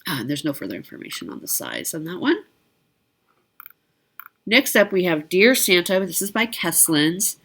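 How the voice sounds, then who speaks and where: Hosting a needlework shopping video, a woman chats informally through a product showcase, often correcting herself and adding asides. Her voice is lowish and fairly bright, with big pitch swings, a moderate pace, and frequent pauses.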